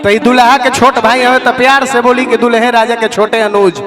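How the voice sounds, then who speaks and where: A stage singer with a Bhojpuri accent, loud, boastful and combative, arguing on stage at a live wedding show. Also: male voice, extremely high pitch, level tone, a little fast, over music. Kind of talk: heated live stage argument.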